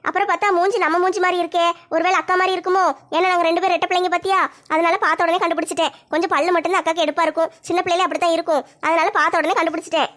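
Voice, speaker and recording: A woman's voice: very high voice, level tone, very fast, a bit bright. A woman as a talkative middle-aged policewoman. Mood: warm. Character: long-lost twin sister, middle-aged policewoman, warm talker. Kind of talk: homemade Tamil village comedy skit.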